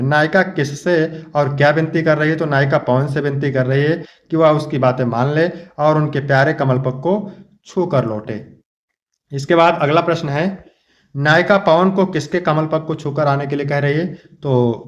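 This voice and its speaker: A man from Uttar Pradesh teaching an exam-prep lesson, explaining each line and fondly addressing his students. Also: on the high side. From Uttar Pradesh, India. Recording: slightly dull, lo-fi sound.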